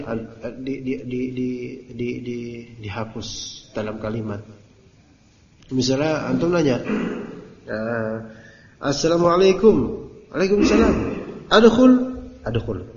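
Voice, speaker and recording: A man leads a Quran commentary class in a casual, animated manner, slipping into voices for the quotes he acts out. His voice sits at an ordinary pitch. The recording is dull and lo-fi, with a long echo from a roomy hall. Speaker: Islamic teacher.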